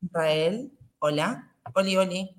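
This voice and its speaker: A woman's voice: lowish voice, lively intonation, slow. A woman, speaking earnestly as an interview guest while her call audio keeps breaking up. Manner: earnest and argumentative, with frequent restarts. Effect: choppy, breaking-up internet call audio. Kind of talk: political commentary over a video call. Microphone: remote call microphone.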